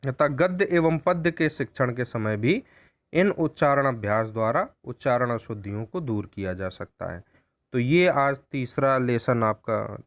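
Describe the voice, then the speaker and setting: A man teaching a recorded lesson on pronunciation, speaking deliberately and repeating points to rephrase them. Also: medium pitch. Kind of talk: recorded Hindi grammar lesson.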